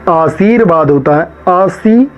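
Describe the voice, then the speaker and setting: A man's voice: high-pitched, lively intonation, takes it slowly. A man teaching a spelling lesson, drilling words one after another, right and wrong, with much repetition. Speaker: shorthand teacher. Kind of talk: spoken lesson. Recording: dull lo-fi sound.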